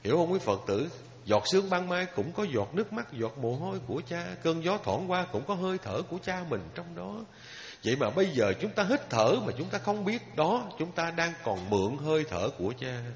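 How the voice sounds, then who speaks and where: A man preaches a Buddhist sermon in a fairly high, emotional voice that climbs and falls widely as he tells a story and turns to his listeners. The recording is muffled and lo-fi, with faint background noise. A long reverb trails every phrase, as in a large hall. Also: sing-song. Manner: emotional storytelling, drawn-out pauses, addresses listeners directly. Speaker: Buddhist monk giving a dharma talk.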